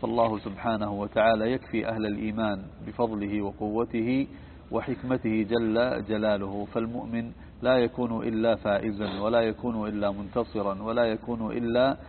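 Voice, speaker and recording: A man teaching a religious lesson, explaining in a measured way with frequent drawn-out fillers. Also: fairly low pitch, flat delivery. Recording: tinny phone-like audio with faint noise.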